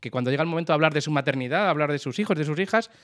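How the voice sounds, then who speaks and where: Guy co-host, talks fast, bit high voice, reading the music bit. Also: animated, fairly bright tone. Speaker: podcast co-host. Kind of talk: scripted music segment intro.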